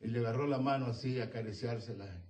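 A man preaching a fervent sermon in a church, breaking into shouts and punctuating his words with hallelujahs. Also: mid-range voice, quick pace. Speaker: pastor. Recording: roomy sound from a distant mic.

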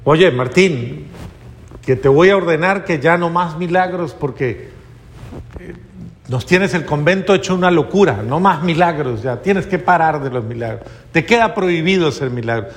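Preacher playing a fed-up male convent superior laying down the rules, a bit high-pitched. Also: expressive, moderate pace, long reverb tail. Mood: scolding. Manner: scolding, emphatic.

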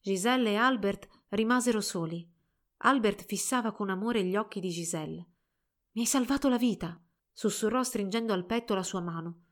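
A woman narrating a storybook fairy tale in a calm, measured way. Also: mid-range voice.

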